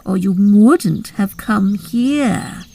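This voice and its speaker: Drawling, grinning, mad Cheshire Cat. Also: female voice, medium pitch, lively intonation, creaky, dark tone, distant mic, heavily acted. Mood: sly, languid. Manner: slow, drawn-out, deliberate delivery.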